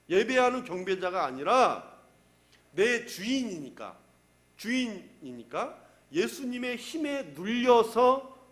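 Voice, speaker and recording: High, animated male pastor preaching. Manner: emphatic, repeats key phrases, asks the congregation questions. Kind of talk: sermon.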